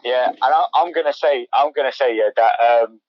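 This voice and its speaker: A man co-hosting a podcast in casual chat, talking fast and repeating words as he goes. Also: mid-range voice, no room sound. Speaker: podcast co-host. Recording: dry, dull lo-fi sound.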